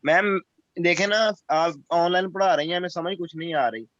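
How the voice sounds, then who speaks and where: A man's voice: high voice, moderate pace, a bit bright, dry recording. A male student speaking up in an online class, pleading and insistent, heard over a bad, lo-fi call connection.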